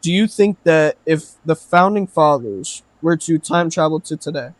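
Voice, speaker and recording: A man's voice: a little high, expressive, moderate pace, no room sound. A man hosting a casual podcast, rambling through ideas and swearing freely as he talks with friends. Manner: rambling, swears freely, says bro a lot. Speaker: podcast host.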